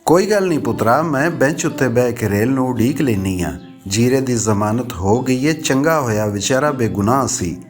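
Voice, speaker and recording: A man reading a novel aloud, voicing an elderly, grieving village aunt who speaks quietly and with resignation. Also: mid-range voice, lively intonation, moderate pace, hardly any pauses, soft background music, natural voice. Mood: sorrowful.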